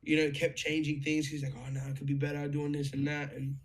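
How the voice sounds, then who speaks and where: A young man telling a story in a casual chat, excited, swearing freely and full of fillers. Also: a little high, a little fast. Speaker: guest musician.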